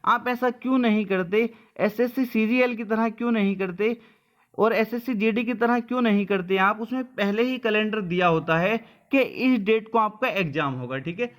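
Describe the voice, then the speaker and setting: A coaching teacher gives his students an informal update in a high voice at normal speed. He is blunt and colloquial, often adding short tags to check they're following.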